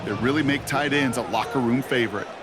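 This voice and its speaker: A man's voice: mid-range voice, fast, lightly acted. An American man giving analytical color commentary on a football game. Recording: loud music and crowd behind commentary. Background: music and stadium crowd.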